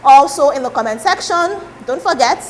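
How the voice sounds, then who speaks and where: A woman with a Nigerian accent hosting a casual celebrity gossip show in a studio, chatty and animated when she quotes people. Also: high-pitched, normal speed, a little hiss or hum, poor audio. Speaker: host. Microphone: lapel mic.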